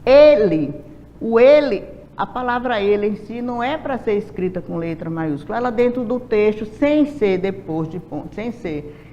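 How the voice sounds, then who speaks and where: A Brazilian woman teacher giving a recorded lesson, speaking slowly and patiently and often asking rhetorical questions. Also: mid-range voice, lively intonation, mellow. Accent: Brazilian Portuguese. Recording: dull lo-fi sound in a reverberant room.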